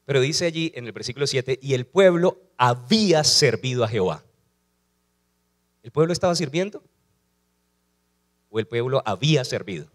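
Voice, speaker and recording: A man's voice: mid-range voice, animated, moderate pace, pauses often. A male pastor preaching a sermon, asking rhetorical questions and calling on the congregation to repeat after him.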